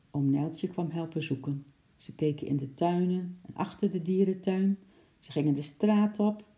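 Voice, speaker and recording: A woman narrating a children's audiobook in a lively, expressive way, adding playful sound effects. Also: lowish voice. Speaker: storyteller.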